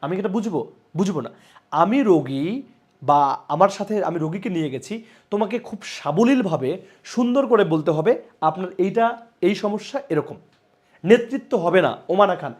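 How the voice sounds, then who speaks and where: Young male online teacher, slightly high voice, lively exam-prep delivery with lots of repetition. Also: normal speed. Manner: lively, repeats points and calls out students' names.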